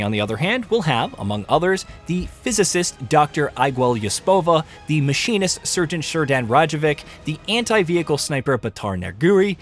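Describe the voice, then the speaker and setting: A man reading scripted top ten countdown narration about a video game, announcing headings and explaining in formal sentences. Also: a little high.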